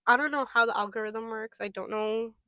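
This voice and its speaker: A woman's voice: on the high side, fairly even intonation, a little fast, pushed and bright. A young woman as a podcast guest, talking in a reflective, casual way full of "like". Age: young adult. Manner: reflective, lots of "like" and quoted inner thoughts. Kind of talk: casual chat. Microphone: podcast mic.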